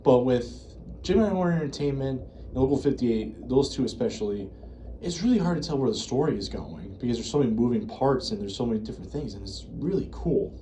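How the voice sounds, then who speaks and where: Speaking briskly with lively intonation and a dark tone, this American horror-series reviewer gives rambling, hesitant, self-correcting commentary off the cuff. His voice sits mid-range, and a faint hiss or hum is audible.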